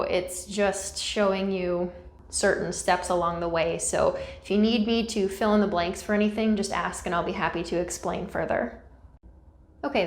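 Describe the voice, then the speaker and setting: Casual lady vlogger explaining stuff, kinda self-deprecating, really echoey empty room. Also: mid-range voice. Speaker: host of a snake-keeping video channel. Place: small, mostly empty indoor room.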